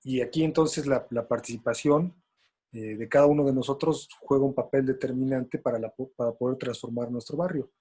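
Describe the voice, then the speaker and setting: A man's voice: medium pitch, fairly even intonation, a little fast, warm tone, breathy edge. A man with a Mexican accent moderates a panel talk in a loose, colloquial way and tells stories along the way. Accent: Mexican Spanish.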